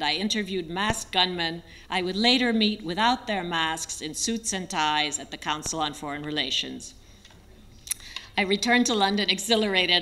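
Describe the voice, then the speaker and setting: A woman author reading aloud from her own memoir in a lively storytelling manner. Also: on the low side. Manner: lively storytelling with occasional restarts.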